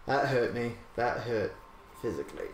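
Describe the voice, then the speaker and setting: A man's voice: mid-range voice, animated, normal speed, roomy sound, slight background noise. A man commentating a video game as he plays, joking crudely and swearing often. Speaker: let's play commentator. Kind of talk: casual gaming commentary.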